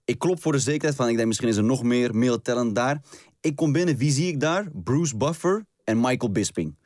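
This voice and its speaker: A man spinning an animated story in loose, slangy casual chat. His voice sits at an ordinary pitch. It is recorded close and dry, with no room sound. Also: brisk, no room sound.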